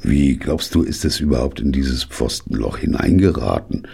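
A flat, sceptical young man who mutters his lines in a deep, creaky voice, as a man reads him aloud. His delivery is dry and downbeat, as in an audiobook. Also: moderate pace, exaggerated voice. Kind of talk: audiobook reading.

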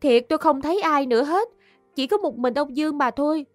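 A woman's voice: high-pitched, lively intonation, fairly quick, dry recording, faint music behind. A woman playing a polite young woman who is accused of murder and answers an official deferentially. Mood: pleading. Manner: deferential, pleading.

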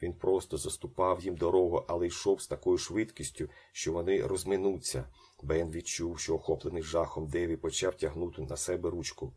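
A man reading a story aloud as an audiobook narrator, acting out the shouted lines and dropping to a slow hush. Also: low-pitched, flat delivery, breathy edge.

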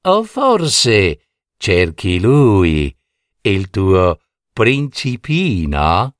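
A man voicing a cruel wicked witch queen in a fairy tale, shrill, mocking and cackling. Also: wildly swooping pitch, drawn-out words, dry recording, clean studio sound, full character voice. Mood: sly.

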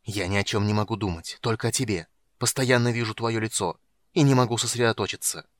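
A man's voice: lowish voice, fairly quick, no echo, studio quality, lightly acted. A man voicing a sickly, bitter young male mage who hisses and snaps in anger. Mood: furious. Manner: hissing, harsh, coughing.

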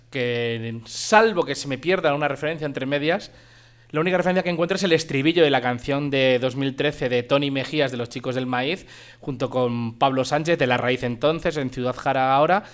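With a Spanish accent from Spain, a man hosts a radio show and presents music in a casual, informal chat that keeps drifting into asides. His voice is smooth and medium-pitched.

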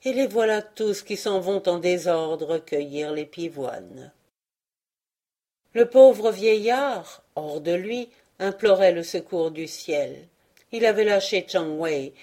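A woman reading a classic tale aloud as an audiobook narrator, measured and even. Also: lowish voice. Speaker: audiobook reader. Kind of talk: storybook narration.

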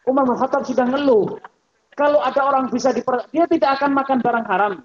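A man giving a religious study lecture on economics. He talks in a lively, rhetorical way, addresses his listeners directly, and mimics the people he quotes. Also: very high-pitched, fast talker, slight background noise. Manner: mimics other people's voices when quoting them. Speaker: Islamic scholar and lecturer. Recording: muffled lo-fi lecture recording.

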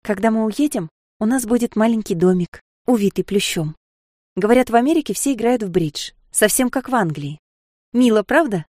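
A woman's voice: on the high side, lively intonation, normal speed, dark tone, no room sound, clean studio sound, voice pushed up. A woman voicing a naive sixteen-year-old maid, dreamy and tearful, who chatters in a breathless, pleading way.

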